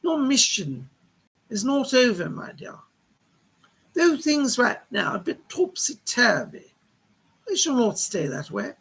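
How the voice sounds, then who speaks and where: Man as seance medium channeling a husky, genteel lady spirit. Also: extremely high pitch, big pitch swings, fairly bright tone, exaggerated voice, low-quality recording. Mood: soothing, solemn. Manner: genteel, old-fashioned, slow solemn reassurance. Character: gentle motherly woman spirit named Rose, consoling.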